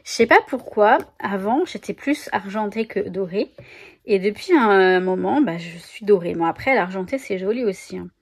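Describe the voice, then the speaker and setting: In a relaxed haul video, a female scrapbooking vlogger shows her viewers new stickers, talking chattily as she handles them and frequently fixing her words partway through. She speaks at a normal speed, medium-pitched and expressive, with a breathy edge.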